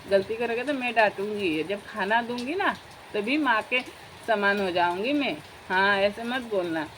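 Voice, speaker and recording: A woman's voice: mid-range voice, fairly bright tone, slight background noise, poor audio. A young woman vlogger in casual chat, talking straight to her viewers as friends in a chatty, confiding way.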